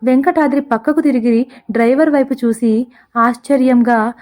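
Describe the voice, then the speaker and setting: A woman narrating a comic story in a lively, expressive scripted way. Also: fairly high pitch, moderate pace.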